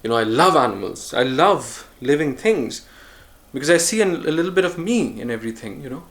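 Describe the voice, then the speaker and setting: A man with a medium-pitched voice vlogs a reflective solo monologue, musing earnestly about choosing calm over harshness. He pauses often and restarts his sentences frequently.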